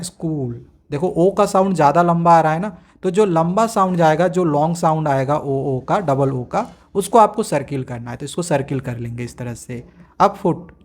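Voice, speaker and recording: A man teaching a primary school English lesson, reading English lines slowly and explaining each one step by step, often asking if it is understood. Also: on the high side, a little mellow. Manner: explains step by step, often checks "samajh mein aa gaya?".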